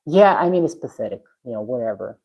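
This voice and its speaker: A rumbling low, husky, sing-song voice comes at a quick pace, with the highs cut off. It belongs to a Russian woman chatting on her own live stream from her garage, answering viewers bluntly and frankly, with frequent restarts.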